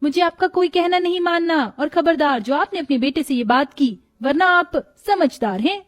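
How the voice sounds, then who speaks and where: A woman's voice: high voice, animated, normal speed. A woman voicing a scheming, spoiled young daughter-in-law who scolds sharply in a storybook. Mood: scornful. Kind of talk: storybook voice acting.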